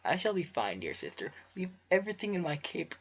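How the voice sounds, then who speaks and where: A man's voice: fairly high pitch, huge pitch swings, fairly quick, a bit bright, pitched above the performer's own voice. A man voicing a caring younger-sister pony princess in a storybook reading, earnest and reassuring with some stumbles. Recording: muffled lo-fi home recording.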